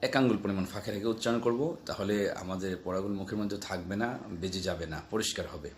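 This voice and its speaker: A man teaching Quran letter pronunciation, explaining carefully and chanting syllable drills in a slow, sung tone. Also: low voice, steady tone, slight background noise.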